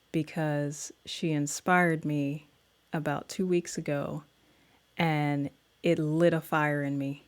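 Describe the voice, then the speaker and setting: A woman hosting a casual vlog, chatting directly to her viewers in an upbeat way and reading out her own poem. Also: low-pitched. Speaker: vlog host.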